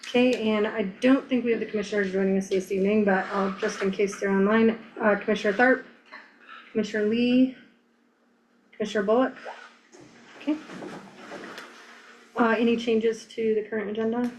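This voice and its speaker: A woman's voice: medium pitch, fairly even intonation, moderate pace, long pauses, low-quality recording. Businesslike American woman chairing a meeting, faint noise. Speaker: planning commission chair. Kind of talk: running a public meeting, procedural. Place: indoor public meeting room.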